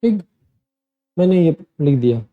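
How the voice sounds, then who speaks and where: Coaching students on an English exam, an Indian man walks through the tasks in a classroom lesson, explaining plainly and repeating points. He sounds expressive, fairly high-pitched, and a little slow, with phone-quality audio.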